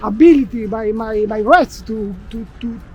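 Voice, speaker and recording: Halting Italian-accented man. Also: sits high, slightly rough. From Italy. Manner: halting, searches for words, frequent restarts. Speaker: guest, expat blogger. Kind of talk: casual interview while walking. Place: outdoors in a city park.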